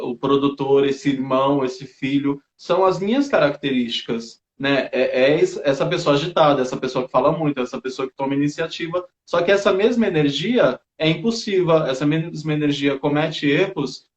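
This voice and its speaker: A man joins a live talk and speaks earnestly, halting and restarting as he looks for the right words. His voice is somewhat high for a man. The audio is muffled and echoey.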